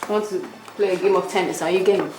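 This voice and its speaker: A woman's voice: lowish voice, steady tone, fast, loud music behind the voice, close to an everyday voice, poor audio. An actress with a Nigerian accent playing a proud, defiant young female lawyer in a film drama. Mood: firm.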